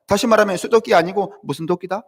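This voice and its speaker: A male pastor preaching a sermon in church, in a fairly high voice. He keeps asking the congregation questions in a chatty way. His delivery jumps between loud, emphatic peaks and low, quiet asides. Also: fast talker, breathy edge.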